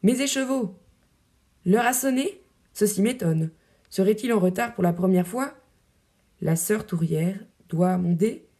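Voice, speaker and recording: A woman's voice: mid-range voice, measured pace, long pauses, dark tone, lightly acted. A woman voicing an affectionate noblewoman who chides lightly and fondly, reading verse drama. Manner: light, fond scolding. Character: noblewoman, affectionate, chiding, devoted widow.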